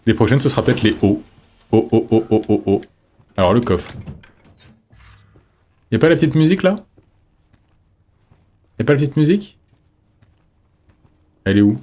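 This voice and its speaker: A man's voice: medium pitch, very animated, normal speed, pauses often, mellow, breathy edge. A man giving casual let's-play commentary, chatty, reading in-game notes aloud with jokey asides. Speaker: streamer playing a horror game.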